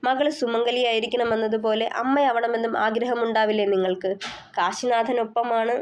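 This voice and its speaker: Woman doing a scornful sharp-tongued older woman. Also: fairly high pitch, steady tone, moderate pace, lightly acted. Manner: mocking, cutting. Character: scornful defiant middle-aged woman stepmother.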